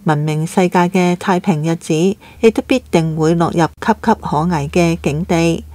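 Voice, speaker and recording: A woman narrating a scripted news commentary in a steady, even reading delivery. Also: fairly low pitch, normal speed, dry recording.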